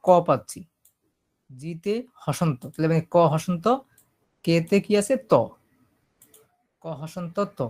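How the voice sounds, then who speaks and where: A man teaching a screen-recorded typing lesson, explaining each step slowly and checking that his listeners are following. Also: fairly high pitch, a little mellow. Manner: explains step by step, often checking "ঠিক আছে?". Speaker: computer typing instructor.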